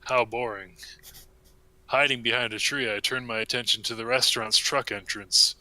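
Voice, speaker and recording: Young man, deadpan comic reading, dry close mic, middle pitch. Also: normal speed, no room sound, rough recording. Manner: deadpan reading, breaking into laughter. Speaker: reader of a comic story. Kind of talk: comedic story reading among friends.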